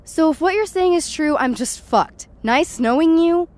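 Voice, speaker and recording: In a first-person, present-tense audio drama, a woman with a very high, darkish voice and lively intonation speaks at a moderate pace. She plays a frightened, sceptical, foul-mouthed young woman, sounding agitated and disbelieving through narration and dialogue.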